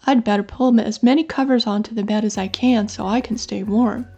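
An older woman putting on a fussy grown squirrel for a storybook, voice pitched up above her usual and pushed louder, exclaiming and easily put out. soft music sits faintly behind him. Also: fairly even intonation, fairly quick, breathy edge, dull audio. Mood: cozy. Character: fussy male squirrel grumbling then softening.

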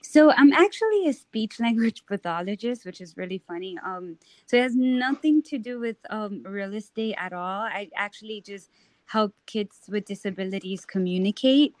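A woman's voice: medium pitch, lively intonation, moderate pace, dry recording. Chatty young New woman. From New York. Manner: chatty, many ums and I-means. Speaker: guest. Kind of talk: casual interview.

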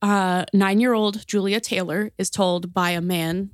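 A woman's voice: mid-range voice, steady tone, measured pace, smooth, dry recording, clean studio sound. An American woman co-hosting a true-crime podcast, telling the story in a casual, chatty way with many fillers. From United States. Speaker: podcast co-host.

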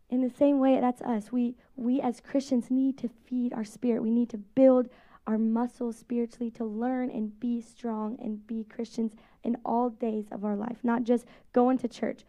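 A woman in her thirties, a pastor, giving a conversational, animated sermon to a congregation. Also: on the high side, lo-fi sound. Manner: conversational, animated preaching with quoted voices.

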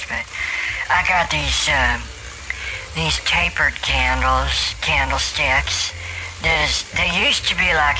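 A woman's voice: a bass voice, noisy background. A woman playing a crude, downbeat, frumpy complainer in improvised comedy, blunt and rambling. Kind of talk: improvised comedy character chat.

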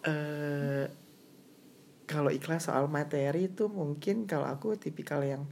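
Low creaky-voiced young woman, reflective. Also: steady tone, unhurried, a little mellow. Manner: reflective, mixes English into Indonesian. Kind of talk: casual chat.

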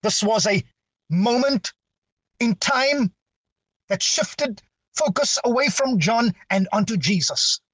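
A man preaching a sermon with a dramatic, drawn-out delivery and big swings in pitch. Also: expressive, fairly bright tone, husky, dry recording.

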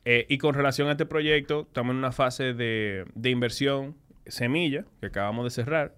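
A man with a Dominican accent hosts in a relaxed conversational style. His voice is mid-pitched, clean and smooth. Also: normal speed. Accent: Dominican Spanish. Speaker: podcast host. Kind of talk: casual chat.

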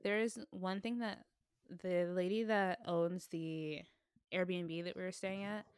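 A woman co-hosting a casual travel podcast, teasing her friend in a dry, matter-of-fact way. Her voice sits a little low and is recorded dry and close. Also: fairly even intonation, takes it slowly, smooth, no room sound. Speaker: podcast co-host.

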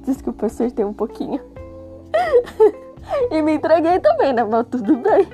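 Quick and high-voiced with big pitch swings, this host, a young adult Brazilian-accented woman whose throat sounds sore and worn, reads from a magazine in a casual, jokey, self-mocking way, tossing in exasperated asides. Music plays behind her.

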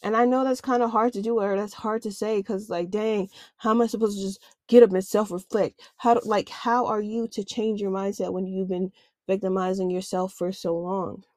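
A woman's voice: mid-range voice, level tone, normal speed, dark tone, no echo, studio quality. Candid woman giving casual self-help advice. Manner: candid, conversational, uses slang. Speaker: podcast host.

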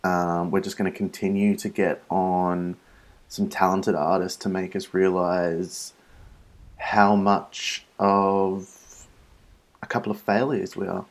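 Co-host role: Australian-accented male, lowish voice, tongue-in-cheek, casual podcast banter. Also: level tone, moderate pace.

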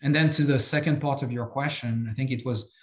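On a podcast interview, a French chief executive in his fifties speaks with a French accent and fairly even intonation. His mid-range voice sounds reverberant, and his halting talk is full of repeated words and fillers.

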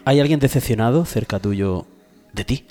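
A man's voice: medium pitch, warm tone, soft background music. A young man co-hosting a casual comedic podcast chat, teasing and bantering. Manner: joking, teasing, quick banter. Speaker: podcast co-host.

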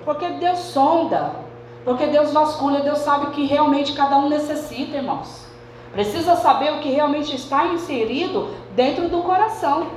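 A woman's voice: high voice, moderate pace, a little hiss or hum. A woman pastor, preaching a sermon in a chatty way and often turning to the congregation. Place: church hall. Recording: echoey church hall, faint ambience.

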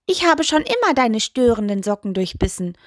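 A woman's voice: fairly high pitch, very animated, normal speed, no room sound, clean studio sound. A woman voicing a cheeky, rude little talking toe in a bedtime story, smug and full of insults.

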